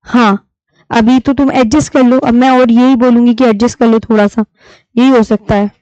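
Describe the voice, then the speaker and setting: A woman's voice: fairly high pitch, steady tone, warm tone, dry recording. Woman teacher, dull lo-fi sound. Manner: patient, repeats key terms slowly for students. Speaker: online teacher. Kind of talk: live online class. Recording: dull lo-fi stream audio.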